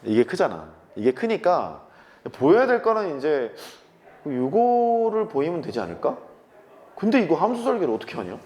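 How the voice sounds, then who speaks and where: Male math teacher, lively up-and-down pitch, blunt, teasing, casual classroom lecture. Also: moderate pace. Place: classroom with chalkboard.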